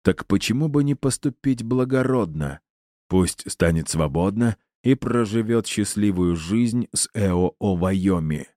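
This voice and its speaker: A man's voice: fairly low pitch, animated, a little slow, no echo, studio quality. A man voicing a gleeful, cruel male villain who taunts his captive in a theatrical, mocking way. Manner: mocking, theatrical, rising to shouts.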